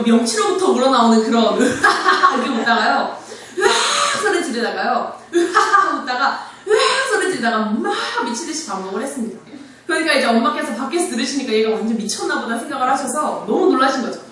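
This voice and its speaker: A young woman tells her own faith story to a hall full of listeners, animated and expressive. Her pitch is fairly high and swings widely as she talks. She is heard from some distance in a hall with heavy, booming echo. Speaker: speaker giving a faith testimony. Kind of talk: personal testimony talk. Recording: very echoey hall from far off.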